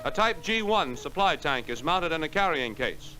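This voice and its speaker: High-voiced man narrating an old newsreel. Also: very animated, bright, forceful tone, soft background music. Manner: crisp, measured announcer delivery. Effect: old newsreel soundtrack. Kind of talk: 1940s wartime newsreel narration. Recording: noisy archival film soundtrack.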